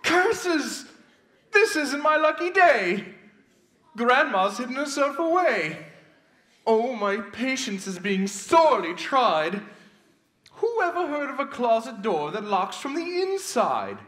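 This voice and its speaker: A scheming male wolf sings and gloats in a theatrical storybook musical, voiced by a woman. The voice swoops lively and takes its time. It sits in a roomy studio with faint music behind. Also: sits high, takes it slowly, exaggerated voice. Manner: sing-song, theatrical, gloating.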